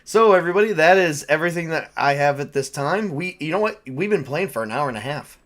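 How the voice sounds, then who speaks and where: A man with a fairly high, fairly bright voice talks fast with lively intonation. He's the game master of a tabletop role-playing session, narrating and chatting casually off the cuff and repeating phrases as he thinks aloud.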